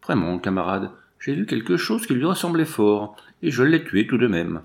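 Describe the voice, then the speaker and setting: Male reader doing a rough hunter, boastful, gruff, storybook reading. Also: medium pitch, very animated, normal speed.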